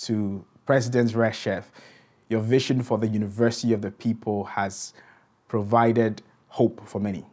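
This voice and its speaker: Man, graduation speech, steady, formal, low voice. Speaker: graduate speaker. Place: plain indoor backdrop, in cap and gown.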